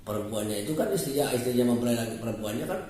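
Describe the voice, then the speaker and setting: A man from Java, telling a comic folk tale in an animated way. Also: medium pitch, rapid-fire. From West Java. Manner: animated, jumping between voices. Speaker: storyteller. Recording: echoey room, voice from far off, faint noise.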